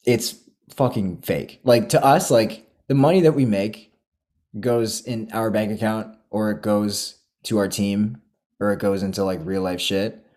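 Laid-back young guy, lower voice. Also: unhurried, darkish tone. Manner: laid-back, swears a lot, fills talk with "like". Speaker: podcast host. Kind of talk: casual chat.

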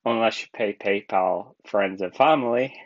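A man's voice: fairly low pitch, measured pace, muffled recording. A man in his twenties with an Irish accent, hosting a solo podcast in a rambling, casual way with frequent laughs. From Ireland. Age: 20s. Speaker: podcast host.

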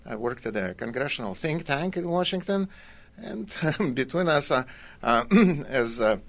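With a mid-range, sing-song voice and a slightly slow delivery, an older man from Russia recounts his own story as a college academic guest in an interview. His Russian accent colours a hesitant, chatty telling laced with wry, dry humour.

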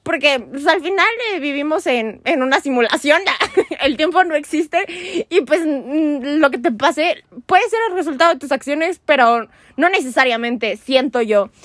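A woman's voice: high voice, animated, unhurried, dry recording, studio quality. A young woman, hosting a casual chat in an earnest, rambling, self-mocking way. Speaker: podcast host.

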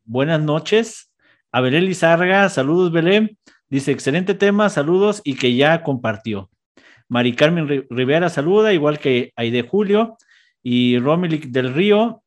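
Man hosting a live chat. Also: a little high. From Mexico. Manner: friendly, reads out viewer greetings. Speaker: host of a live stream; teacher at a school. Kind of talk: casual live-stream chat.

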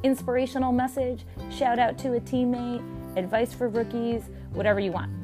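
A woman co-hosting a team podcast, chatting casually in an upbeat way with a loud voice and many fillers. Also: on the high side, level tone, moderate pace, music in the background. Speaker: podcast co-host. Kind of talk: casual chat.

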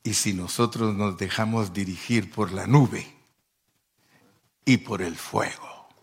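A man's voice: on the low side, steady tone, takes it slowly, slightly rough. A male preacher giving a sermon, calling the congregation brother and rising to emphatic bursts. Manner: addresses listeners as brother, rises to emphatic bursts.

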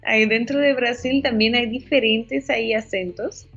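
Husky woman chatting about accents. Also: on the high side, measured pace, muffled recording, faint music behind. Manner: lively, laughs often, playful imitations. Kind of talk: casual chat about Spanish accents.

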